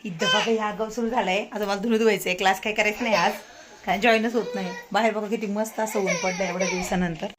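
A woman's voice: medium pitch, fairly even intonation, fast, background noise. Woman home vlogger, casual chatty talk to camera, phone-recorded. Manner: chatty, talks to camera about her day. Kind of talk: casual home vlog chat.

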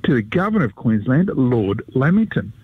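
Husky Australian man telling history. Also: medium pitch, big pitch swings, moderate pace, phone-quality sound. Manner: chatty, leisurely storytelling with asides to the host. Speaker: history storyteller, regular guest. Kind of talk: live radio storytelling.

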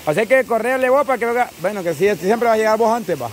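A woman with a Salvadoran accent hosting outdoor party games, cheering players on with quick repeated calls and frequent laughter. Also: on the high side, animated. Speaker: game host. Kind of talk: lively game commentary. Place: outdoors at a lively gathering. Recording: outdoor crowd noise. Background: crowd chatter.

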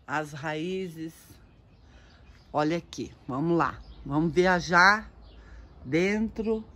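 Woman host, lowish voice, very slow and admiring, giving a casual tour of an orchid house with birdsong behind. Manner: admiring, exclamatory, repeats words softly. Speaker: orchid grower and channel host. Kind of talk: casual guided tour, talking to viewers.

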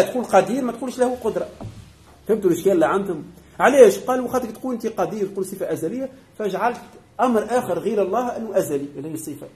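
A man with a Tunisian accent gives a religious doctrine lesson as a sheikh. His voice sits high for a man, and he talks very fast. He explains point by point and keeps asking the class whether they have understood. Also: a little mellow. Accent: Tunisian Arabic.

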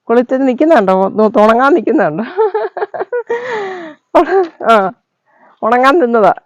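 A woman's voice: fairly high pitch, lively intonation, moderate pace, no room sound, dull audio. Woman coaxing her dog, dry sound. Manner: coaxing, affectionate pet talk addressed to the dog. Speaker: home vlogger. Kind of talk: casual vlog chat while caring for a pet dog.

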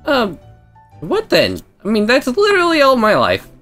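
A woman's voice: fairly high pitch, wildly swooping pitch, normal speed, a bit bright, soft background music, pitched above the performer's own voice. A woman voicing an awkward, innocent, blunt hooded traveller in a visual novel. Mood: puzzled.

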